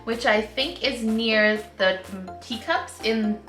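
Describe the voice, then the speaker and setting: A woman's voice: fairly high pitch, slow. A woman co-hosting a casual home cooking video, chatty and explaining the recipe plainly. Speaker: co-host. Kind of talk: casual chat. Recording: roomy echo, light music.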